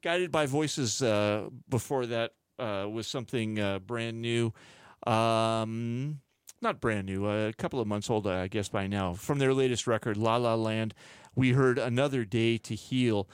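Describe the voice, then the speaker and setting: A man in a radio studio, talking through his playlist in a relaxed, wandering way. His voice sits at a middle pitch. The sound is dry and close, with no room around it. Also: a little slow, clean tone, no room sound. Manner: relaxed, rambling, many fillers. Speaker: radio DJ host. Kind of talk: casual radio chat and back-announcing.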